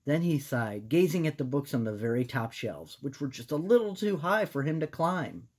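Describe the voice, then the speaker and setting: A woman storyteller narrating a children's story in an animated style. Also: low-pitched, normal speed, breathy edge.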